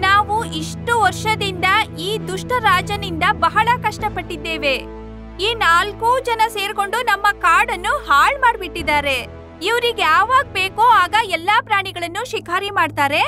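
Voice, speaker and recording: A woman's voice: very high-pitched, normal speed, bright, forceful tone. A woman voicing a weary, complaining fox in a cartoon. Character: oppressed fox, a weary forest subject. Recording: music under the voice.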